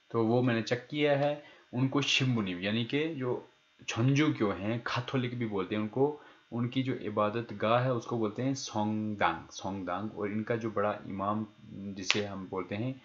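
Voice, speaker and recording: This recorded online language class is led by a man with a fairly low voice whose audio has the high frequencies cut off. He breaks things down step by step, repeats every key word, asks the class questions, and stops partway through to look at his notes.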